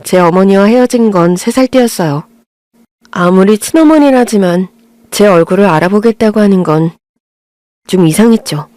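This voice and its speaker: A woman's voice: mid-range voice, expressive, moderate pace, dark tone, no room sound, clean studio sound. A woman in her thirties narrating her own story in an earnest, confessional audio drama.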